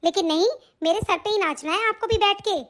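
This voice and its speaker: A woman's voice: extremely high pitch, fairly quick, a bit bright. A woman playing a stingy, harsh young daughter-in-law who scolds and threatens her mother-in-law. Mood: scolding. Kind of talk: hobby family-drama acting.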